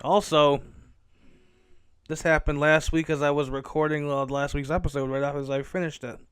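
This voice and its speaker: A man's voice: fairly high pitch, level tone, normal speed, fairly bright tone, smooth, no room sound. Rambling, profane man hosting a podcast. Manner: rambling, self-correcting and profane. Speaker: podcast host. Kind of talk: casual solo commentary podcast.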